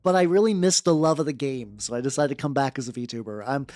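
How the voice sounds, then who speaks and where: Talking fast in a mid-range, somewhat mellow voice, this VTuber streamer rambles through casual chat and fan fiction readings with a sardonic, theatrical flair. A close, dry streaming mic yields clean studio sound without echo, while faint background music plays.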